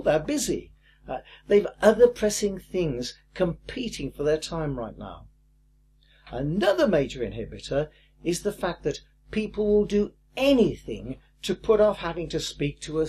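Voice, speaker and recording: An older man teaching a recorded course lesson in a lively, emphatic way with a husky voice. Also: a little high. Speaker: course instructor.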